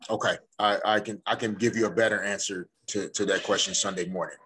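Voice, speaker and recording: A middle-aged man, a head coach, answers postgame press questions in a measured, thoughtful way. He often pauses to find his words, and he is recorded on a desk microphone in an indoor press room. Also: on the low side, steady tone, bright, forceful tone, slight background noise. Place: indoor press room before a sponsor backdrop. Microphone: desk microphone in front of him.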